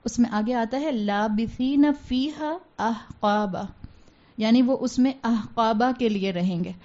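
A woman with a slightly high but dark, mellow voice delivers a religious lecture. She speaks earnestly, urging her listeners on and posing rhetorical questions. The recording sounds dull and lo-fi. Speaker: Islamic religious teacher.

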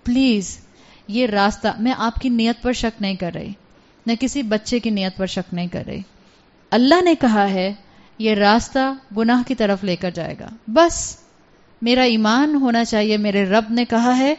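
Woman religious speaker, earnest and exhorting, mid-pitched voice, muffled lo-fi sound. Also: a little mellow. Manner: earnest, exhorting, mixes English words into her speech. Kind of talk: religious lecture with storytelling. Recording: dull lo-fi recording.

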